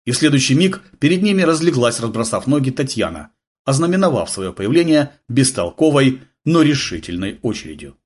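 A man's voice: medium pitch, big pitch swings, a little fast, a little mellow, husky. A man reading an action novel aloud in a vivid, dramatic storytelling manner. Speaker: audiobook narrator. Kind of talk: expressive audiobook narration.

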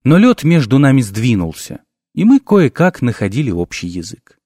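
A male audiobook narrator with a mid-range voice, reading fantasy with lively, animated swings in pitch. The recording is dry and close, with no room sound. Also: moderate pace, no room sound. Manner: expressive, lively storytelling. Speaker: audiobook reader.

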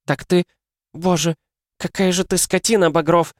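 A distraught mother howling accusations through tears, her voice pitched far up and straining, as a man reads her. It sounds close and dry, with no room around it. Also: fairly even intonation, moderate pace, no room sound, natural voice. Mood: hysterical, sobbing. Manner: shrill, sobbing screams. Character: hysterical grieving mother, shrieking and sobbing.

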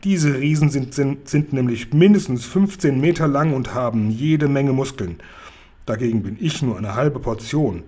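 A man's voice: medium pitch, moderate pace, mellow, close to an everyday voice. A man voicing a kind, big friendly male giant from a storybook, who talks in a folksy way and mangles his words. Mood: earnest. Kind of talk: bedtime story reading.

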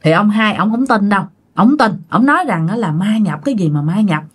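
A woman's voice: mid-range voice, expressive, a little fast, husky. A woman with a Southern Vietnamese accent telling a ghost story in a chatty way, addressing her listeners directly. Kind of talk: ghost story told to an audience.

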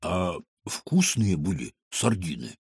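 A man's voice: low-pitched, very animated, takes it slowly, creaky, darkish tone, husky, dry recording, studio quality, pitched below the performer's own voice, heavily acted. A man reading a children's audiobook, voicing a sly, eager young male animal who loves gadgets. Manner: eager, giggly. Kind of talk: audiobook character voice.

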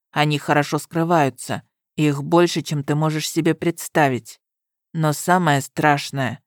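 A woman voicing a stern, suspicious young male guard commander in an audiobook, speaking flatly and coldly. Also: low voice, no echo, studio quality. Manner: flat, cold, commanding. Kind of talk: audiobook character reading.

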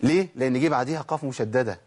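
A man's voice: medium pitch, very fast, a little mellow. An Egyptian man teaching Quran recitation, drilling letter sounds aloud and asking and answering his own questions. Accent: Egyptian Arabic. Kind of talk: tajweed lesson.

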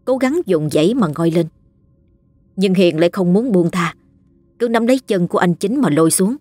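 Narrator, ghost story, steady, dry close sound. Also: mid-range voice, moderate pace, dry recording.

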